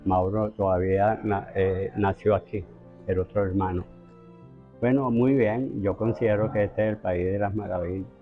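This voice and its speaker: A man's voice: lowish voice, moderate pace, narrow, tinny audio, soft background music. Loose older man, Italian-born horse trainer, chatty interview. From Italy. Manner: relaxed, anecdotal, with restarts. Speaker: racehorse trainer. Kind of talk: interview storytelling.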